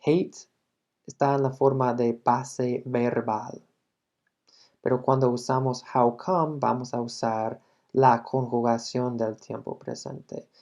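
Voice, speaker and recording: Man, Midwestern American accent, English teacher, unhurried delivery, mellow tone, repeats examples. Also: mid-range voice, little pitch movement, dull audio. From Michigan, United States. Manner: slow, deliberate, repeats examples. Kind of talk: language lesson explanation.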